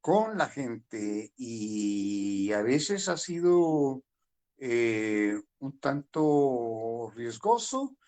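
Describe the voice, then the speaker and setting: Slow-talking older Honduran man. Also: mid-range voice, very animated, a little mellow. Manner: slow, meandering and reflective. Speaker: playwright and theater director. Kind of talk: speaking on a video conference panel.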